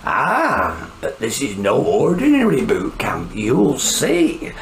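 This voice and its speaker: A scheming old storybook witch speaks slowly and slyly, cackling as she lures a child, put on by a storyteller. Her words drag out, teasing and crooked. The reading sits in a roomy, echoing space. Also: medium pitch, wildly swooping pitch, pitched below the performer's own voice, full character voice. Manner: cackling, drawn-out.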